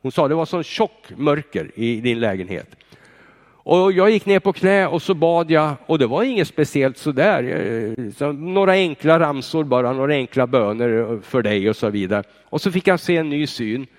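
A man's voice: fairly high pitch, lively intonation, hardly any pauses. A man giving a personal faith testimony to an audience, storytelling and tagging his sentences with little questions. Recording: long reverb of a large hall.

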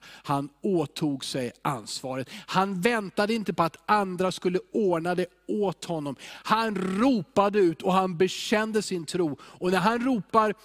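A man preaching a sermon, earnest, now and then rising to loud cries as he quotes a prayer. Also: sits high.

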